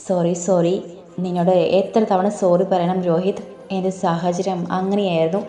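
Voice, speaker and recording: A woman's voice: fairly low pitch, little pitch movement, moderate pace, close to an everyday voice. A woman voicing a sad, pleading young woman apologizing on the phone. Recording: echoey room, soft music behind.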